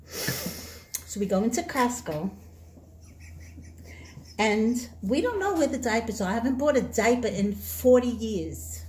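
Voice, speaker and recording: A woman's voice: fairly high pitch, expressive, measured pace, pauses often, darkish tone, slight background noise. A woman in her sixties hosting a casual chat in her kitchen, telling funny stories with lots of laughter. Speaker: host. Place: home kitchen.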